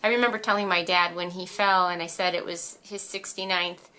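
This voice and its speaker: A woman's voice: lowish voice, fairly even intonation, a little fast, pushed and bright, rough recording. A woman chatting casually as she listens to a relative and prompts her with questions. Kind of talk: casual chat.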